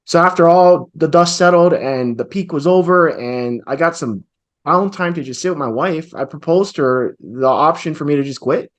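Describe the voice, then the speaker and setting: A man's voice: on the high side, moderate pace. A man in his forties from Hawaii, a real estate investor telling his story earnestly and reflectively over a video call. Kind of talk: storytelling interview answer. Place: home office with bookshelves.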